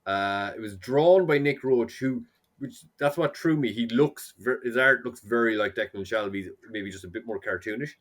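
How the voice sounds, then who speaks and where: A man's voice: medium pitch, moderate pace, a bit bright. A man from Ireland with an Irish accent, co-hosting a podcast in casual, joking chat full of asides. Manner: joking, chatty, talks through asides. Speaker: podcast co-host.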